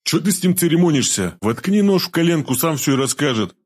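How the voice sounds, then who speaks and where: A menacing male security thug, cold and clipped, who pitches his voice higher than a plain speaking voice while threatening without raising the volume, as a male audiobook reader puts him on. He delivers threats flatly, with no hurry. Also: a little fast, husky. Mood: callous. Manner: blunt, flat threats.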